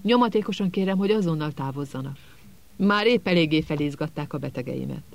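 A stern, fussy school nurse, put on by a male reader scolds in a raised, gravelly voice that sits higher than his own. She is insistent and brooks no argument. It is heard as an audiobook character. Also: animated.

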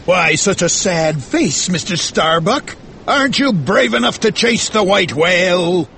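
A fierce old-sea-tale whaling captain, pitched high and swooping widely. He declaims with roaring, vengeful obsession, dragging his words for dramatic weight in an audiobook style. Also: very animated, measured pace, a bit bright, a little hiss or hum, heavily acted. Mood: scornful, angry.

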